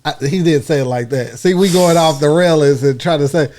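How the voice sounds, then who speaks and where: Earnest American guy, fairly high voice. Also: fairly quick, darkish tone, slight background noise. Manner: earnest, blunt, argues in long runs. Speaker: podcast co-host. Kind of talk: casual debate chat.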